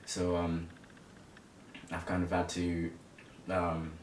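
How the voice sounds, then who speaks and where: In his early twenties and from Zimbabwe, this man appears as an interview guest, sharing a personal story informally. His voice is low and close to monotone, his delivery halting as he hunts for words. Background rumble and echo accompany the distant recording.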